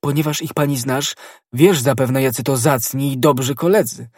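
A man's voice: mid-range voice, moderate pace, husky, no echo, studio quality, voice pushed up, lightly acted. A man voicing an earnest young woman from a convent in an audiobook, eager and questioning.

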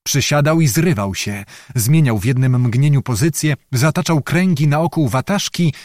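A man reading a historical novel aloud in measured, dramatic scripted narration. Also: medium pitch, a little mellow, no room sound, studio quality. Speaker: audiobook narrator.

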